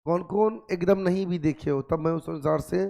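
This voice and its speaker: A man teaching a physics class, nursing a sore throat, coaxing and gently scolding his students with repeated questions. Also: on the high side, moderate pace, gravelly. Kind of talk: classroom lecture.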